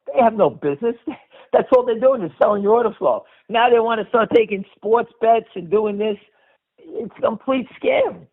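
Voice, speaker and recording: On a muffled, lo-fi line that sounds like radio, a high-voiced man of middle age or older hosts a stock market call. His commentary is off the cuff and full of opinions, delivered forcefully and bluntly with cursing and recurring phrases.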